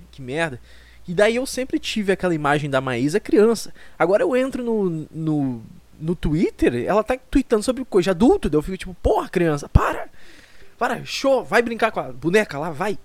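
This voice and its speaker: A man in his 20s from Brazil, with a voice that sits high, hosts a solo comic podcast close to the mic and without any room sound. He rambles, pokes fun at himself, and swears freely.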